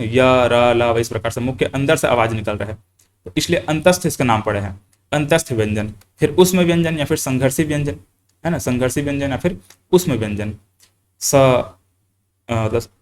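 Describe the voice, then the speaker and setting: A man's voice: a little high, slight background noise. A young man teaching an exam-prep grammar lesson, asking questions and answering them himself, repeating key points. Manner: quizzes listeners with questions he then answers himself; repeats key points and fills with "thik hai".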